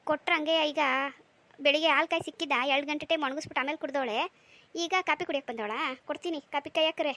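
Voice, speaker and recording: A sharp-tongued, strict village mother in a cartoon. Her voice is high and bright. She scolds quickly and bluntly. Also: dry recording. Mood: scolding. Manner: scolding, snappy.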